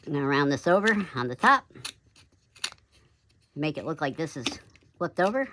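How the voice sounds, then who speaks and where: A man's voice: fairly high pitch, very animated, normal speed, sharp tone, slight background noise. A man casually talking through a woodcarving demonstration, his voice sped up to double speed into a chipmunk voice, dropping folksy asides like "oop" and "yep". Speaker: woodcarving instructor. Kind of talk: casual step-by-step carving demonstration.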